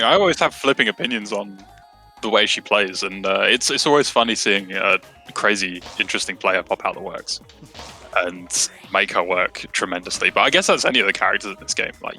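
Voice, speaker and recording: Bright-voiced British esports caster. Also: male voice, on the low side. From Britain. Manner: chatty and self-mocking. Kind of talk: live esports commentary.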